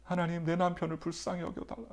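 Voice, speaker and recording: A woman's voice: fairly low pitch, monotone, fast, darkish tone, voice pushed up, natural voice. A man voicing a wife pleading through tears. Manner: pleading, sobbing prayer. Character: grieving wife pleading in tearful prayer.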